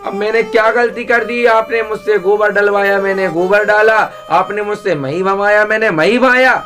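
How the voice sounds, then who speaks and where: A woman's voice: mid-range voice, normal speed, fairly bright tone, soft background music, natural voice. A man voicing a panicky young newlywed daughter-in-law who calls out shrilly and flustered. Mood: protesting.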